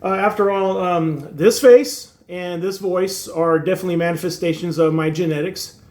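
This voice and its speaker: Here he sounds high-pitched and darkish, with fairly even intonation at a normal speed. A Turkish native speaker in his sixties who was raised in Turkey, he rambles casually to camera as his channel's host, leaning on fillers and jokes at his own expense.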